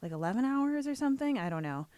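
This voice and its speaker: A woman's voice: high voice, sing-song, fast, mellow, no echo. A woman hosting a podcast in casual chat, rambling along in a self-deprecating way. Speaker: podcast host. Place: room at a gym.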